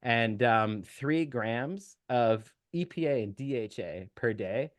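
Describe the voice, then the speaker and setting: A man talking as a nutrition expert in a relaxed podcast chat. His voice sits at an ordinary middle pitch, and the recording is dry and close. He explains technical details steadily, with many small fillers along the way. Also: slow, dry recording. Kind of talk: casual podcast interview.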